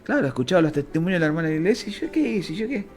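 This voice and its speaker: A Rioplatense Spanish man delivers a fervent Bible teaching, his voice sitting a bit high and swinging between low and high pitch. Soft music plays under the sermon. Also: big pitch swings, racing.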